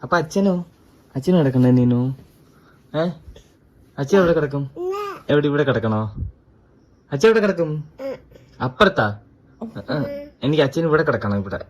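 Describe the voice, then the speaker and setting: A woman with a low voice chatting in a family vlog. Her tone swings widely as she coaxes a toddler in sing-song baby talk. Her pitch rises and falls all through. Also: animated, moderate pace, pauses often. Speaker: parent vlogger.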